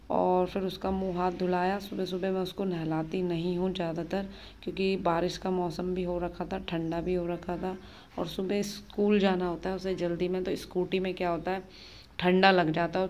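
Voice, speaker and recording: A woman in her thirties, a mother, narrating her busy morning in a casual daily vlog, chatty and hurried. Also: fairly low pitch, darkish tone, a little hiss or hum. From Uttarakhand, India. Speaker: vlogger, mother of two.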